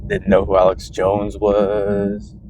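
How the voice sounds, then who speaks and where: A man's voice: lowish voice, monotone, slow pace, background noise. A middle-aged man rambling and musing aloud in a casual vlog, talking to the camera from his car. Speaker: vlogger. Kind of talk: casual driving vlog monologue.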